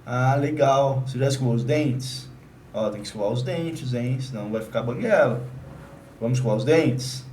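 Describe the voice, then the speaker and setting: A man interviewing a guest in a relaxed, conversational way, sharing his own experience and asking questions. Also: medium pitch, normal speed. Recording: roomy, distant mic, faint noise.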